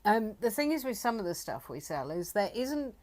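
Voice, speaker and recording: A woman's voice: mid-range voice, big pitch swings, normal speed, a little mellow. A woman from the UK co-hosting a reselling channel, chatting casually with many fillers and reading bits from a report. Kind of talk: casual chat.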